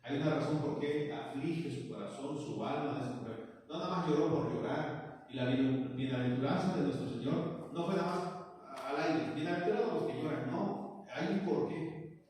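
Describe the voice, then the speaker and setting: Preacher in an echoey hall. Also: male voice, a little high, a little mellow, slight background noise. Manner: reads scripture slowly, then asks the congregation questions. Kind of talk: sermon. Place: church. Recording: echoey church hall, mic far off.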